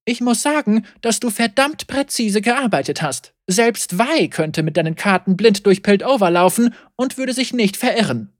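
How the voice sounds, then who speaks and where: A woman's voice: mid-range voice, moderate pace, hardly any pauses, dry recording, studio quality, voice pushed up, natural voice. Caitlin, a stern, cool sheriff, as a woman voices her. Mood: mocking. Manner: calm, mocking, coldly threatening. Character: stern, cool-headed female sheriff, adult.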